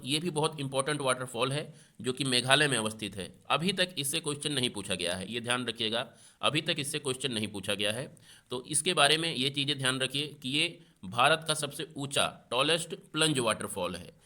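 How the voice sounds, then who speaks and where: Bright-voiced male geography tutor. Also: medium pitch, brisk. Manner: explanatory, repeats key points for students. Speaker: exam prep teacher. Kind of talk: online geography lesson.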